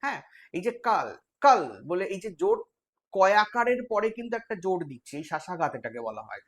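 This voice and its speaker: A man's voice: sits high, sing-song, fast, a bit bright. A man with a West Bengal accent teaching a live online exam-prep class, explaining step by step and quizzing his students.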